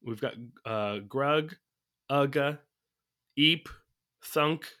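A man's voice: medium pitch, extremely slow, pushed and bright, smooth. A man chatting casually about a movie as a podcast co-host, thinking aloud from his notes and laughing often. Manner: laughs often while talking.

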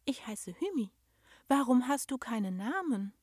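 A woman voicing a timid, sweet young elf girl who speaks high and stammers when startled. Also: sing-song, normal speed, darkish tone, breathy edge, no room sound, clean studio sound. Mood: curious.

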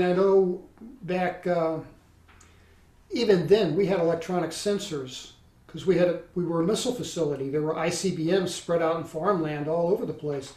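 A man's voice: on the high side, a little mellow. Man telling a story, far from the mic. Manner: halting, many restarts and fillers. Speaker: interview guest recounting experience. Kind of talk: conversational storytelling. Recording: roomy, distant from mic.

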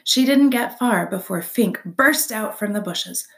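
A woman reading a chapter book aloud as a storyteller, expressive and dropping to soft whispers for suspense. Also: mid-range voice, measured pace, creaky. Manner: expressive, drops to soft whispers for suspense, asks listeners questions.

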